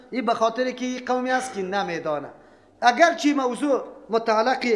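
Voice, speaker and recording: A man's voice: extremely high pitch, a bit bright, big-room sound. A man with an Afghan Dari accent giving a Quran commentary lesson, lecturing emphatically and firing off rhetorical questions. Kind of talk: sermon-style Quran lesson.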